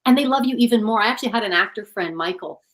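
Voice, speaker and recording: A woman's voice: medium pitch, expressive, racing, a bit bright, poor audio. A middle-aged woman, an author being interviewed, speaking in an earnest, reflective storytelling way. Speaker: author and guest. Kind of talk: interview conversation.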